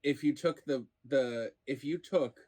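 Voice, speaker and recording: A man's voice: mid-range voice, unhurried, darkish tone. A man hosting a food review in casual chat, probing with playfully incredulous questions. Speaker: food review show host.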